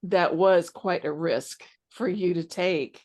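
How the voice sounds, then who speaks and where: A woman co-host with a lowish voice asks her guest gentle questions. She rephrases her words with care and speaks in a supportive way. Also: slow. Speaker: interview co-host. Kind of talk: interview conversation.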